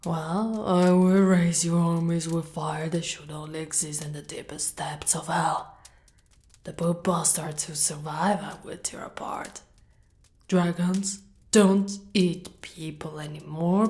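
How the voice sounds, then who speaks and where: In an ASMR roleplay, an Italian woman voices a proud female dragon knight who is fiercely protective. She speaks deliberately, often breathy or in a whisper, with a deep, darkish voice.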